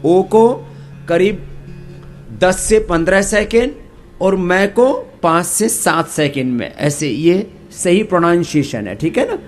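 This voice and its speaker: A man with an Indian accent leading a yoga class, chanting mantras slowly and correcting the students' pronunciation. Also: high voice, animated, faint music behind. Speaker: yoga teacher.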